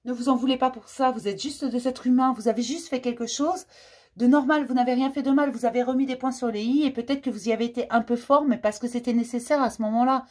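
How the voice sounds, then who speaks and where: Female card-reading host, slightly high register, informal and reassuring direct address. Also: fairly even intonation, quick pace, darkish tone. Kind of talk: casual spoken card reading to camera.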